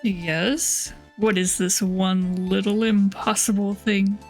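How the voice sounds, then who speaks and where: An old, fussy judge, as a woman puts him on, speaks in a gravelly, mid-pitched voice. He delivers his rulings formally and deliberately for a voice-acted game reading. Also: steady tone, a little mellow, faint music behind. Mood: stern.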